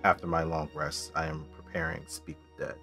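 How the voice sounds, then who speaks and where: A man with a very deep voice talks as a player in a tabletop game. He moves between casual table chat and in-character speech, with faint music behind. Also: little pitch movement, moderate pace, vocal fry, pushed and bright.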